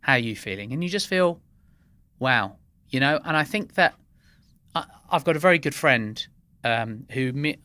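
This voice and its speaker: A man's voice: mid-range voice, bright, forceful tone, dry recording. A man who grew up in England after being born in Iran, a podcast guest telling earnest workplace anecdotes with frequent restarts. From Iran, raised in England. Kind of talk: interview conversation.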